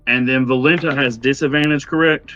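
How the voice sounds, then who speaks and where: A man running a tabletop game as game master, easygoing and quick to laugh. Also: medium pitch, fairly even intonation, a bit bright. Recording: dull dry sound, faint music.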